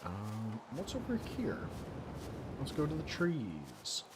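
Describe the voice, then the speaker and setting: A man talking through a game on stream, unhurried and hesitant as he thinks aloud to himself. His pitch sits in an ordinary middle range. Steady background noise runs clearly under his voice. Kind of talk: casual gameplay commentary.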